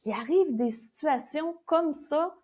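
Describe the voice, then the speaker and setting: Here the founder of a spiritual school appears as a podcast guest, talking with a Québécois French accent in a high voice at a measured pace. She's an animated storyteller who laughs while explaining things in this conversational interview.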